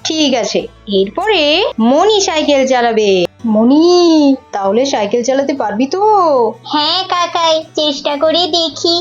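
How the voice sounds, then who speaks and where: A woman voicing a kind, patient young uncle who teaches children to ride a bicycle, talking in a calm, lower voice. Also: a little slow. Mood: encouraging. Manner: soothing and patient. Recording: slightly muffled with faint music.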